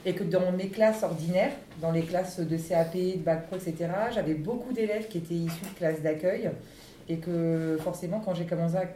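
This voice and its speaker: A woman's voice: fairly low pitch, moderate pace, warm tone. A woman teacher answering interview questions in a chatty, teasing way, laughing often. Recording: echoey room, distant mic, faint noise.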